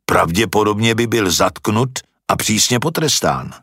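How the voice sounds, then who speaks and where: Impatient young hothead, read by a man, scoffing, husky voice, storybook dialogue. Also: fairly low pitch, expressive, a bit bright, no room sound, studio quality, heavily acted.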